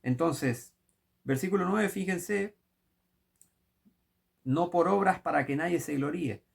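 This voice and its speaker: A man preaching, his voice gravelly and husky and pitched a little high for a man. He delivers a sermon in an emphatic way and keeps throwing rhetorical questions at the listener. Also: takes it slowly.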